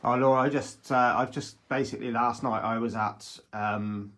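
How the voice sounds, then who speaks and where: A man with an average-pitched voice, talking casually as a ghost-hunting streamer. He explains things conversationally, with a sceptical edge. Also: fairly even intonation, normal speed, fairly bright tone. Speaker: ghost hunter live-streamer.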